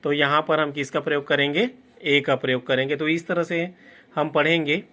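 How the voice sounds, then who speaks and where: A man teaching a lesson on reading a dictionary in his English words. He checks in with "है ना" after each point and slows down to spell out English terms. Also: on the high side, steady tone, pushed and bright. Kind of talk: classroom lesson explaining a dictionary.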